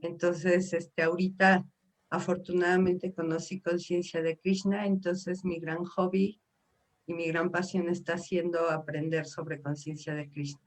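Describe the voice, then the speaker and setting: Earnest lower-voiced woman. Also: level tone, measured pace. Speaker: psychologist, class participant. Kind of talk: casual self-introduction. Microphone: video call.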